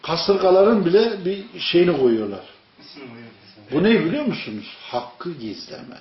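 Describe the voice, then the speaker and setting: A man's voice: sits high, animated, measured pace, crowd noise. A man preaching an informal sermon to a small group, telling stories and asking his listeners questions. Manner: storytelling, asks the audience questions. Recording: echoey room, dull lo-fi sound.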